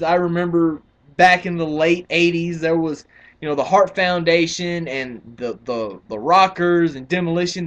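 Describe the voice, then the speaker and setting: A man's voice: on the high side, a bit bright. Rambling young man ranting. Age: 20s. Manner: argumentative, rambling with many restarts. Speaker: wrestling vlogger. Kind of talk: casual rant to camera.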